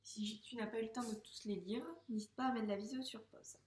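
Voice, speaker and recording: A woman teaching first graders to read, speaking slowly and patiently, sounding out syllables and gently encouraging the child. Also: fairly high pitch, fairly even intonation, a little hiss or hum. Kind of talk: slow, patient reading lesson for young children. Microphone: camera. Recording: echoey room.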